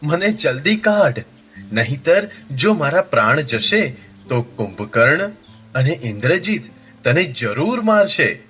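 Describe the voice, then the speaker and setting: A man's voice: very animated, slow pace, breathy edge, faint music behind, full character voice. A man doing a crushed demon king crying out. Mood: desperate. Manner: loud pleading cries, high-pitched. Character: mighty demon king crushed under bow, crying out in pain.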